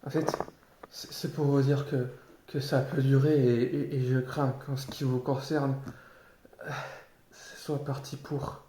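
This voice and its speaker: A man improvising a theatrical tirade in a sardonic, mock-polite way, halting and repeating his words. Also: medium pitch, flat delivery, warm tone. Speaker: amateur actor improvising a monologue. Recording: roomy echo, clearly noisy background, clicks.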